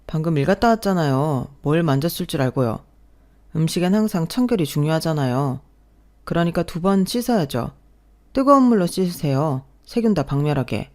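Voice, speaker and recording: Woman doing a scornful young husband, sneering, loud, audio story. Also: sits low, expressive, normal speed. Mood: nagging.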